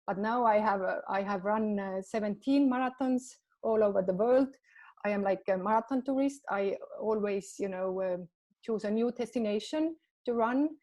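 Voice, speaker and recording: A woman in her forties from Estonia, a native Estonian speaker, answering interview questions in halting English with many fillers and restarts. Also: medium pitch, a little mellow. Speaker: marathon general manager. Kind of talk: podcast interview.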